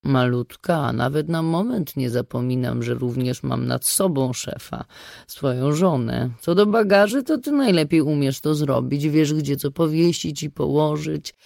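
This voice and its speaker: A bossy, dismissive middle-aged husband and father in an audiobook, as a reader plays him. The voice is mellow and gravelly, with a short, curt delivery. The recording is close and dry. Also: on the high side, a little slow, no room sound. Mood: coaxing. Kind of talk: audiobook reading.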